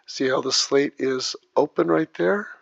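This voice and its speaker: A man walks through a video editing job click by click, his voice gravelly with a creaky edge. The track has a low sample rate, so it sounds dull and lo-fi. It is also dry and close, with no room around it. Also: a little slow, no echo. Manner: talks through each click as he works. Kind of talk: step-by-step screen tutorial.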